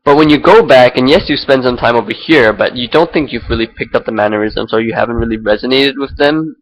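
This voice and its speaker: Speaking quickly in a mid-range voice, a young Singaporean man vlogs his thoughts off the cuff as a personal reflection. He's rambling and unsure, full of fillers and restarts. The built-in laptop mic produces a rough recording with a bit of hiss or hum.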